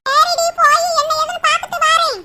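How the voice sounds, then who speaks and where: Woman doing a squeaky scheming cartoon mother-in-law. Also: fairly even intonation, brisk, heavily acted. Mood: coaxing. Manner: scolding, gossipy. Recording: loud hiss under voice.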